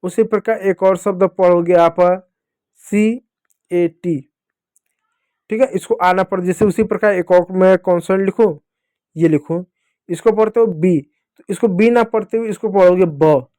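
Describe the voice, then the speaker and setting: A man with a high voice gives a phonics lesson to young children. He repeats himself patiently and asks questions that he then answers. The sound is dry and close. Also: moderate pace, dark tone, no room sound. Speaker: English teacher for children. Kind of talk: classroom phonics lesson explained in Hindi.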